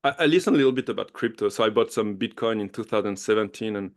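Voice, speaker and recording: A French man in his thirties, speaking with a French accent, is an eager podcast guest in a casual interview chat. His fairly low voice moves fast, and he laughs often and keeps restarting his sentences.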